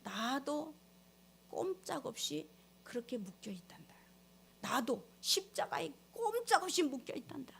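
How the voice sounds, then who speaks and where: A woman preacher voicing a gentle male divine voice in a soft, hushed, tender whispered role-play. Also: high-pitched, sing-song, brisk, hardly any pauses, slight background noise.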